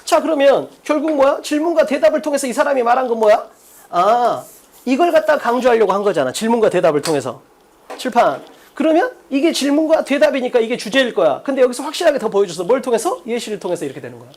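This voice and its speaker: Fast, lively Korean English tutor. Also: male voice, extremely high pitch. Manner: blunt, casual, swears, asks students rhetorical questions; repeats key phrases often. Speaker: English teacher. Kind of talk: lecture.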